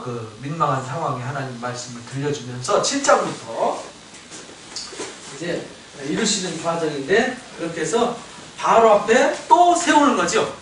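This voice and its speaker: A male pastor giving a Bible lecture sermon, animated, acting out the voices of biblical figures and asking the congregation questions. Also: fairly high pitch, a little hiss or hum. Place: church sanctuary. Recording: echoey church hall, mic at a distance.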